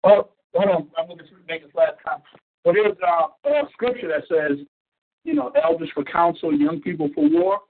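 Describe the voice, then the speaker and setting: A man's voice comes through muffled and thin, as if from behind a wall on a phone line. He talks in a lively, animated way with a gravelly edge. The sound is dry and close. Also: high voice, moderate pace. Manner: earnest, lively, quotes scripture. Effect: muffled, as if heard through a wall. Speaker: guest calling in. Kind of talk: radio talk discussion.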